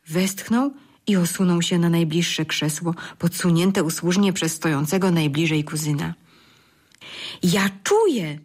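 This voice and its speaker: A woman reading a children's story aloud in a calm, measured way. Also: fairly low pitch, husky. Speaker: narrator. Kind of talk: scripted storybook narration.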